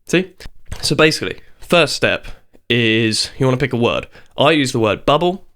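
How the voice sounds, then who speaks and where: A man's voice: mid-range voice, animated, moderate pace, a bit bright. A man giving a casual video tutorial on beatboxing. He talks in a chatty, informal way and stops to demonstrate the sounds. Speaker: beatbox teacher.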